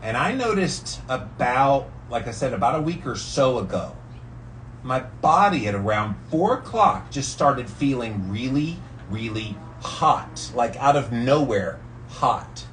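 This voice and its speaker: With a mid-range, slightly bright voice, lively intonation and a little slow pace, an American vlogger talks from ice-cold water as part of a daily challenge. He rambles casually and enthusiastically in slangy, emphatic terms, captured by a distant mic with faint background noise.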